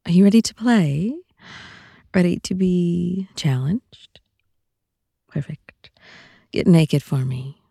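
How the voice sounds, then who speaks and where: A woman speaking slowly in a teasing, often whispered voice for an intimate audio roleplay. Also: lowish voice, animated, gravelly, warm tone, slightly rough, no room sound, studio quality. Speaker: audio content narrator.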